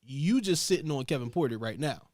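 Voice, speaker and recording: A man's voice: medium pitch, expressive, fairly quick, darkish tone, no room sound, studio quality. A man co-hosting a casual sports podcast, teasing his friends and laughing through his jokes. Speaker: podcast co-host.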